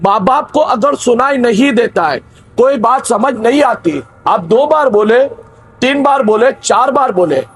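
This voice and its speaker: A man's voice: very high voice, animated, a little slow. A man in his thirties, a preacher giving an earnest religious talk on parenting, repeating his key phrases.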